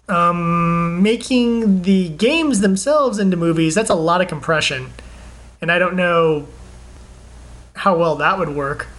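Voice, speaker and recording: A young man co-hosting a podcast, chatting casually about games and movies in a rambling, excitable way, laughing often. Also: high voice. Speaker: podcast co-host.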